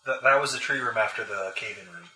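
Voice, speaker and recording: A man running a tabletop game as game master, narrating and explaining in a measured, slightly hesitant way. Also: on the low side, sharp tone. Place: room around a game table. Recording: noisy echoey room, distant mic, clatter.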